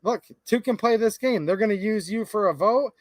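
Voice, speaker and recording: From his home recording studio, a livestream host chats casually and passionately with viewers, reading their comments aloud. His voice sits high and moves at a normal speed, and the recording is dry. He comes across as folksy and talks straight to his audience.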